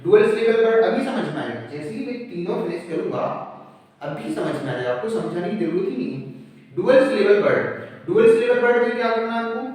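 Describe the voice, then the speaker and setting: A man teaching a casual grammar lesson, reassuring and slowly repeating the key terms. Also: high-pitched, sing-song, a little mellow. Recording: echoey room, voice from a distance.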